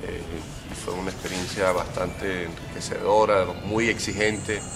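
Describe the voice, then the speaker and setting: A young man with a Venezuelan accent, a filmmaker talking about his short film in a relaxed, thoughtful way, recorded outdoors by a building entrance on a close camera mic. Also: low voice, unhurried. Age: young adult. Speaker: filmmaker guest. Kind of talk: festival interview.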